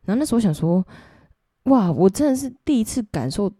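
A woman's voice: mid-range voice, big pitch swings, fast talker, warm tone, dry recording, clean studio sound. A young woman with a Taiwanese Mandarin accent hosts a podcast. She tells a ghost story in a casual, chatty way and speaks straight to her listeners. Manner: chatty, addresses listeners directly. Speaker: podcast host.

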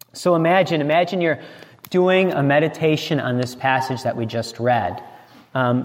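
A male priest preaches in an easy, conversational style, often tossing in "right?" to keep the listeners with him. His voice sits at an ordinary middle pitch. The sound carries a long reverb, as in a large church hall. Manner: conversational, frequently asks "right?". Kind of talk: sermon.

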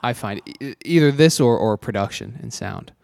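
A man's voice: medium pitch, expressive, normal speed, vocal fry, a little mellow, no room sound. Playful co-host, man, dry close mic. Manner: playful, agreeable, banters. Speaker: podcast co-host. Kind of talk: casual podcast chat.

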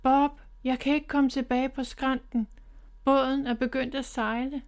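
A lively young girl rabbit from a children's storybook, high and bright, shouting with alarm, put on by a woman. She calls out clearly and quickly. The woman reading lifts her pitch for her.

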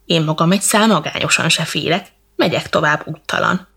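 A woman voicing an earnest, kind-hearted young prince in a storybook, with a husky, gravelly voice. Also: low voice, fairly bright tone, exaggerated voice.

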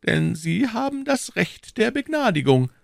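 A man's voice: high-pitched, big pitch swings, measured pace, gravelly, no echo, clean studio sound, voice pushed up, full character voice. A man voicing a scheming older male cardinal who speaks in a sly, ingratiating courtly way.

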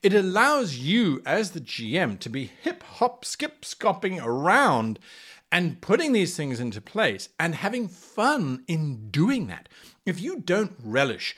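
A man's voice: a little high, takes it slowly. A man hosting a podcast, talking enthusiastically about running tabletop games, slipping into playful accents now and then. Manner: animated, slips into playful put-on accents. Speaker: podcast host giving game master advice. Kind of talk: enthusiastic solo podcast talk.

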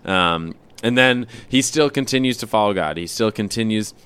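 Young male co-host, low clear voice, loose joking church-podcast chat. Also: moderate pace. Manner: relaxed, jokey, full of fillers. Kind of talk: casual chat about Scripture.

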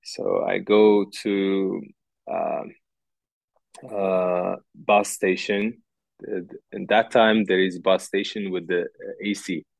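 A man from Uzbekistan speaking English, stopping often to restart his sentences and filling pauses with soft "uh"s. He tells a personal story as a podcast guest. His voice is close and dry, with no room sound around it. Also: low-pitched, level tone, gravelly, dry recording. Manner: halting, with many fillers and restarts.

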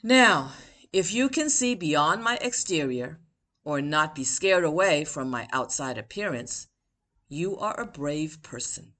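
Reading her own personal essay, this author and podcast host speaks with a notably low, animated voice that has a fairly bright tone. She keeps a measured, deliberate pace and lets pauses between phrases add emphasis.

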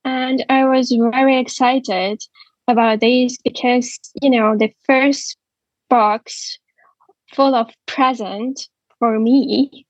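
A woman in her twenties with a Ukrainian accent, telling her story as an interview guest, slow and halting with many pauses. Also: on the high side, steady tone, no echo, dull audio. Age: 20s. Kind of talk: interview testimony.

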